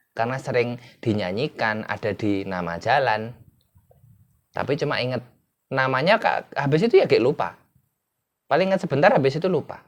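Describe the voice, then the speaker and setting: Guy teacher explaining stuff, voice swings up and down a lot, keeps asking then answering his own questions. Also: fairly high pitch. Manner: asks the listener rhetorical questions and answers them himself. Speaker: English teacher. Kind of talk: explanatory lecture.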